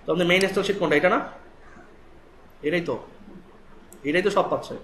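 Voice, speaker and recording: A man with a Bangladeshi Bengali accent teaching a live web development class, explaining quickly and often checking that students follow. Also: high voice, fairly bright tone, a little hiss or hum. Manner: rapid, explanatory, asks students checking questions. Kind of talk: live classroom coding lesson. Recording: echoey room with faint ambience.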